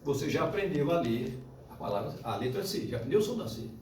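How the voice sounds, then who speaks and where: A man with a Brazilian Portuguese accent teaching a class, lively and exclaiming, drawing out words slowly as he drills pronunciation. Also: mid-range voice, a little hiss or hum. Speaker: Esperanto teacher. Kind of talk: classroom demonstration lesson. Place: club meeting room with audience. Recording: echoey room from far off.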